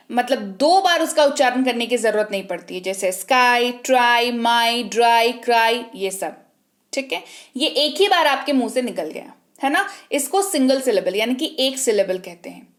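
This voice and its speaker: A woman teaching English spelling rules, patiently spelling words out letter by letter and asking herself questions before answering them. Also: high-pitched. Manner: patient, asks and answers her own questions. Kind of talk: spelling lesson in Hindi.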